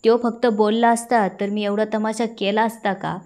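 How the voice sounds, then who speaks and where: A woman's voice: mid-range voice, little pitch movement, moderate pace, darkish tone, natural voice. A woman reading the lines of a stern, angry elderly village father who scolds in rural speech. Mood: scolding.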